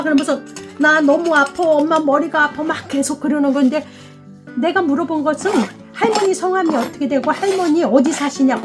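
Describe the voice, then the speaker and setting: Middle-aged woman host, high voice, casual calm chat over soft music, acts out dialogue. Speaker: succulent channel host. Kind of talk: casual storytelling while repotting plants.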